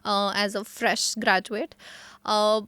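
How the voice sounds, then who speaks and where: A woman's voice: mid-range voice, level tone, slow pace, a bit bright, smooth, no room sound. A woman in her thirties with a polished, educated Indian accent, answering as an interview guest and explaining from experience. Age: 30s. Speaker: interview guest, talent acquisition leader.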